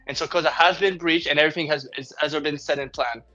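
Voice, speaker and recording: A man with a French accent pitches like an eager salesman, tripping over his own restarts. His voice is bright and a touch high, and it comes through a dull, lo-fi home microphone. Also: fairly even intonation, fast talker. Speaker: podcast co-host. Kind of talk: playful sales pitch in casual chat.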